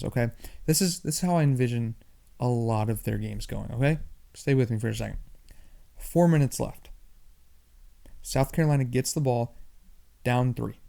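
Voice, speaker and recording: Young man, podcast host, casual monologue, quick and animated, mid-pitched, warm dark tone. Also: gravelly. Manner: animated, talks fast, repeats himself.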